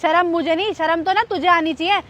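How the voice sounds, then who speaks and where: A woman's voice: very high voice, steady tone, fast, fairly bright tone. A woman playing a scornful, snobbish mother. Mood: contemptuous. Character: snobbish scolding well-off mother. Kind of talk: short social-drama skit acting.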